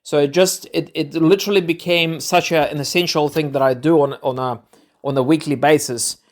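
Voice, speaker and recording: A middle-aged man from Ukraine hosts a podcast and tells his own story. His voice sits a little high, and he talks in a casual, hesitant way, stopping and restarting with many fillers. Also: fairly even intonation, fairly quick. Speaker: podcast host. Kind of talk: personal story, casual monologue.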